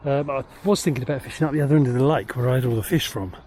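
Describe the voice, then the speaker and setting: A man vlogging outdoors by a lake, a little out of breath, talking in a halting way with many ums and uhs. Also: mid-range voice, warm tone, slight background noise. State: slightly out of breath. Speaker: angler vlogger. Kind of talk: casual outdoor vlog commentary.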